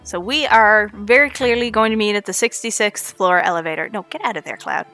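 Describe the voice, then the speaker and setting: A Canadian woman with a slight Newfoundland lilt gives chatty, playful live commentary on her speedrun, joking with chat. Her mid-range voice is brisk and sharp over soft background music.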